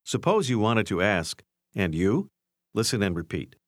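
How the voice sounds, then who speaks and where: Man giving clear language lesson prompts. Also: on the low side, sing-song, unhurried, no echo, clean studio sound. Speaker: language course narrator. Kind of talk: scripted instruction.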